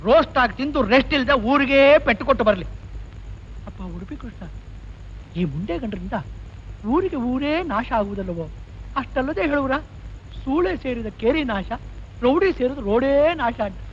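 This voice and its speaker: A grumbling, sarcastic restaurant owner. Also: male voice, very high-pitched, rapid-fire, hardly any pauses, a bit bright, a little hiss or hum. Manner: grumbling under his breath, sarcastic. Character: put-upon middle-aged man running a restaurant, sarcastic and grumbling. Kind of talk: 1980s film acting. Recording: dull old film soundtrack.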